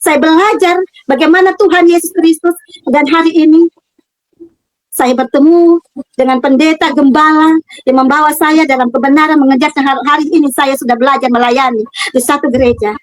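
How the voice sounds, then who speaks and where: A middle-aged woman with a high voice tells her personal religious testimony, speaking earnestly and haltingly, circling back over words and pausing on fillers. The sound is dry and close, recorded in her own room. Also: steady tone, dry recording, rough recording. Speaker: convert giving a testimony.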